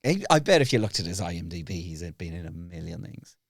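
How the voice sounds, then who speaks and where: A man hosting a podcast in casual chat, relaxed, laughing a lot and chiming in with quick agreement. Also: deep voice, gravelly, no room sound, studio quality. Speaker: podcast host.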